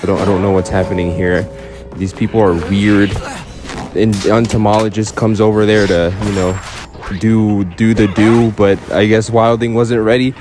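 A man's voice: on the low side, little pitch movement, normal speed, over music. A young man giving rambling, joking commentary over a game, stammering often and swearing casually. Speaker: gaming YouTuber.

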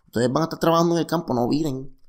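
A man teaching a casual Bible study, reading verses aloud and explaining them with lively, repetitive asides. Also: on the high side, very fast.

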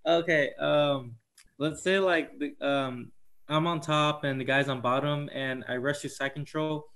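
Guy on a video call asking his coach stuff, casual, bit hesitant, voice a little high. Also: fairly even intonation, a little slow, a bit bright. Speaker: student asking the coach a question.

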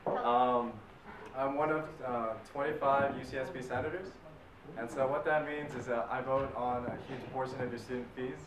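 A young man talking casually at an open mic, halting and full of fillers, with a self-deprecating manner. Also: mid-range voice, fairly even intonation. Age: young adult. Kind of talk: casual stage talk. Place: large lecture hall stage. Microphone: far camera in the audience. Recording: roomy hall from far off with loud crowd. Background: audience chatter.

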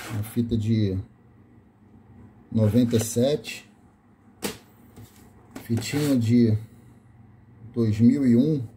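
Man, Brazilian accent, dark voice, reads labels one after another, light room hiss. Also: medium pitch. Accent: Brazilian Portuguese. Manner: reads tape labels aloud in a list, self-correcting. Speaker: video host showing a collection of VHS tapes. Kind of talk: casual off-camera commentary. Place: small room indoors.

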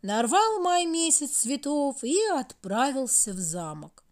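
A woman narrating a children's fairy tale in an expressive storytelling manner. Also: sits high, slow. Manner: sing-song, expressive.

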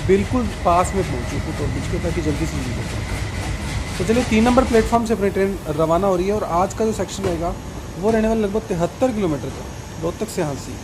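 A man giving live, brisk commentary on a train journey, full of times and train details, filmed on a phone aboard the train and on a railway platform outdoors. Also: high-pitched. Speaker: train travel vlogger. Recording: loud train and outdoor noise.

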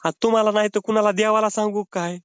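A man's voice: high voice, flat delivery, fast, a bit bright, smooth, dry recording. A man making a comic prank phone call, pleading and whining in a mock-sobbing way. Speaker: prank caller.

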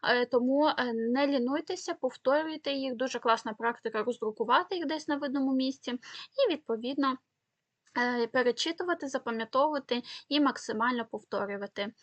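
Ukrainian woman teaching, slightly high voice. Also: brisk, no room sound, lo-fi sound. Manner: explanatory, many fillers and check-in "так?". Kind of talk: exam-prep lesson.

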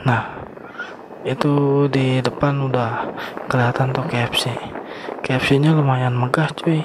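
A young man talks his viewers through a motorbike ride in a flat, laid-back voice. He sounds relaxed and slangy, recorded on a camera mic on the move. Engine and street traffic noise sit clearly under his words. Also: mid-range voice, unhurried. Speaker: motovlogger. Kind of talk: casual riding commentary. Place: riding a motorbike on town streets outdoors.

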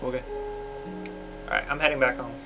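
This host's mid-range voice is fairly even in intonation and a little slow as he plays through a game casually. He cracks jokes and exclaims often at what unfolds, over clearly audible background music.

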